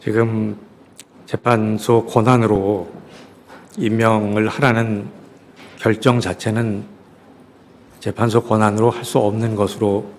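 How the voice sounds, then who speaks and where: A man. He testifies formally as an official would. His phrasing is careful, measured and guarded. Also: lowish voice, flat delivery, slight background noise. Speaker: court secretary-general answering questions.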